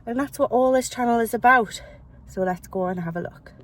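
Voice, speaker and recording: A British reselling vlogger chats casually about her thrift finds, her voice a little high for a woman and her pace a little fast. Snuffly from a chest infection, she rambles chattily and keeps stopping to correct herself.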